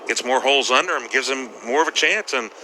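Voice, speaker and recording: A man works as a golf commentator, explaining play conversationally in a very bright, tense voice. Faint outdoor noise sits behind him. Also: medium pitch, fast, low-quality recording.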